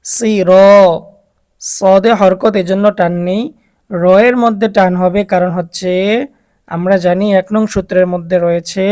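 A Quran reading teacher with a Bangladeshi Bengali accent gives a recorded lesson, explaining rules slowly and patiently, repeating key points and asking the learners questions. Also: mid-range voice, a little mellow.

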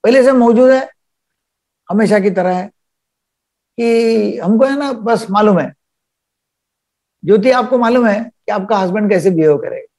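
A man's voice: high voice, a little slow, pauses often, a little mellow. An older man, a psychiatrist leading a live webinar over a video call, explaining by acting out little dialogues.

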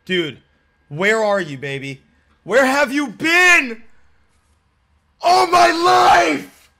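A young man with a lisp, streaming a game live and yelling and swearing in bursts of rage. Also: extremely high pitch, lively intonation, drawn-out words, creaky, slight background noise. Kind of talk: raging live-stream commentary.

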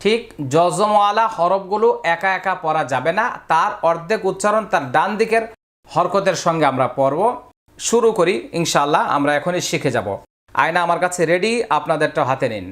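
A man's voice: a little high, brisk, fairly bright tone. A man with a Bangladeshi Bengali accent teaching a step-by-step reading lesson, patiently drawing out and repeating syllables for learners to copy.

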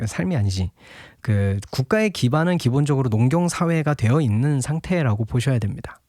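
A man's voice: medium pitch, a little mellow, no room sound, studio quality. A young man giving a casual devotional Bible talk, chatty and laughing often, at times acting out a scolding father.

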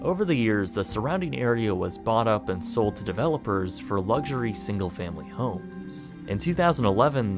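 Man, low voice, measured narration, matter-of-fact, music underneath. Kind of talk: scripted documentary narration.

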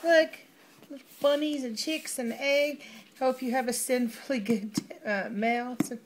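Woman, middle-aged, bubbly vlogger, slightly high voice; noisy home recording. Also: steady tone, measured pace. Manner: gushing, chatty, addresses viewers as y'all. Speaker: vlogger unboxing a mail order. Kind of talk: casual unboxing chat.

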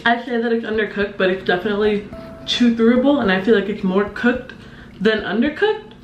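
A young woman vlogger talks fairly quickly in a high-leaning voice, bubbly, chatty and self-mocking as she cooks in her small home kitchen for a casual cooking vlog. The counter-mounted camera picks up an echoey room and lo-fi sound, with faint music behind her.

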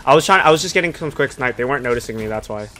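A man's voice: mid-range voice, animated, racing, sharp tone. A young man talking like a hyped gamer bro, firing off urgent, repeated callouts during a live team shooter. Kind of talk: live game callouts and casual chat.

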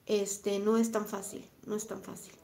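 A woman with a Mexican accent, in her thirties, talking on a live stream and answering chat comments in a reflective, soft-spoken way, often repeating her phrases. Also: medium pitch, little pitch movement, normal speed. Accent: Mexican Spanish. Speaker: vlogger reading live chat.

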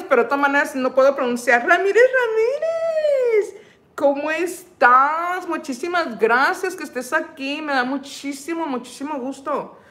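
Her voice sits high and sounds a little bright as this middle-aged woman hosts a cooking livestream. The chat is relaxed, full of laughter, with English phrases mixed in.

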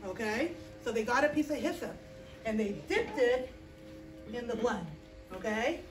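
A middle-aged woman teaching children in a small indoor classroom, telling a Bible story with lively acting and frequent "okay?" check-ins. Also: a little high, measured pace, music in the background. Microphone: far camera, no visible mic. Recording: roomy echo, distant camera.

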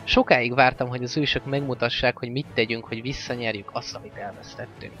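A man's voice: medium pitch, fairly even intonation, fairly bright tone, close to an everyday voice. Grom, a man reading as a stern orc warlord. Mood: grim. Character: fierce male orc warlord, weary and commanding. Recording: slightly dull lo-fi with faint music.

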